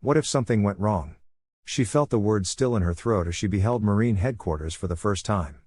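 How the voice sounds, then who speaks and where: Guy reading a fanfic story, lowish voice, dry close sound, steady pace. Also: a little fast, slightly rough, no echo. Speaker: narrator. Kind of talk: scripted story narration.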